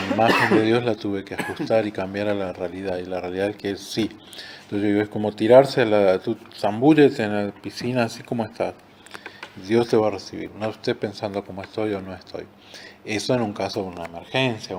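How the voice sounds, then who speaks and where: Male Bible teacher, Rioplatense accent, lowish voice, conversational, noisy recording. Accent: Rioplatense Spanish. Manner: conversational, explains with examples, fills with "este". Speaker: discipleship teacher. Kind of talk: Bible study class.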